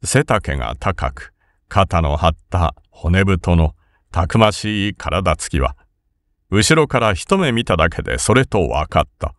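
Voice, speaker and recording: Male audiobook narrator; low, animated delivery; dry studio read. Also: no echo. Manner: measured, expressive storytelling. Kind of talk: scripted literary narration.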